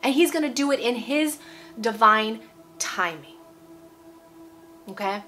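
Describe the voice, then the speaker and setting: With soft music in the background, a woman preacher in her forties gives a casual, emphatic sermon to camera in a room at home. Her voice is fairly high, slow, bright and forceful, with lively intonation, and she repeats phrases and checks in with "okay?".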